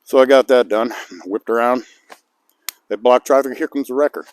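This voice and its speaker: An older man telling a rambling outdoor story to the camera in a folksy way, chuckling between lines, recorded outside on a calm, cold day. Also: mid-range voice, moderate pace, clear, resonant tone, dry recording. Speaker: outdoor vlogger.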